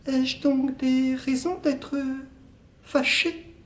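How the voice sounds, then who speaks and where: A man's voice: very high voice, fairly even intonation, very slow, pitched above the performer's own voice, full character voice. A man voicing an evasive tearful young woman. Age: young adult. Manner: hesitant, clipped denials. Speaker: student actor. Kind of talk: solo stage reading of a play. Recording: roomy echo.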